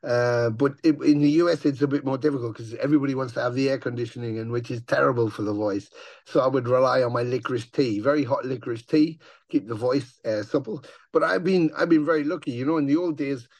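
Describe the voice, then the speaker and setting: A man talks in a gravelly, fry-laden voice. He tells tour stories loosely, swearing freely and acting out the other people's voices. The sound is dry and close. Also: medium pitch, fast, dry recording. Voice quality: gravelly growl. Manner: swearing, animated storyteller who acts out voices. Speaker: touring metal musician, guest. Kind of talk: casual interview chat.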